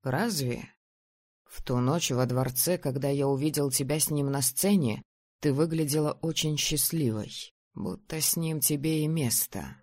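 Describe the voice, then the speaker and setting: A reader voicing a tired, tender young man, speaking quietly and slowly in an audiobook, recorded close and dry. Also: medium pitch, dry recording. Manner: quiet, slow and heartfelt. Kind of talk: audiobook reading.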